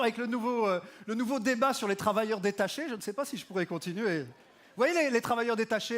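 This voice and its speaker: A man from Belgium performing a stand-up comedy set on stage, with ironic, mock-earnest asides and halting restarts timed for laughs. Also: sits high, a bit bright. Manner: halting restarts used for comic timing.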